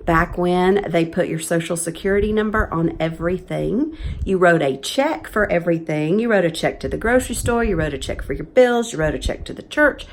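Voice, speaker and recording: A woman's voice: on the low side, animated, brisk, a little hiss or hum. A woman, talking earnestly and chattily to camera in a casual vlog. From Georgia, USA. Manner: earnest, chatty, emotional at times. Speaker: professional organizer vlogger.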